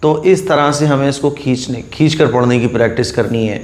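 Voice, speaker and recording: A man's voice: mid-range voice, brisk, darkish tone. A man teaching Quran reading step by step, patiently drilling each letter and repeating the rule. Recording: echoey room.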